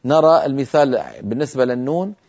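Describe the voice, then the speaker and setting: A man teaching recitation in a televised lesson, calmly explaining each rule and then demonstrating it slowly, with long, drawn-out nasal sounds. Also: medium pitch. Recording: muffled broadcast audio.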